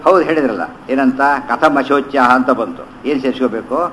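A man teaching a scripture commentary, chanting verses slowly and then explaining them conversationally with rhetorical questions. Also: mid-range voice, a bit bright, poor audio.

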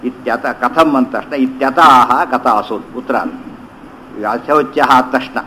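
A man teaching a scripture commentary, chanting verses slowly and then explaining them conversationally with rhetorical questions. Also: medium pitch, pushed and bright, a little hiss or hum, low-quality recording.

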